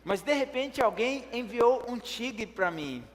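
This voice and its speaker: A preacher telling a personal story in a sermon. He acts out his own words, picking up in the action and dropping low in prayer. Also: slow. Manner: lively when telling the action, hushed in prayer. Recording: echoey hall reverb.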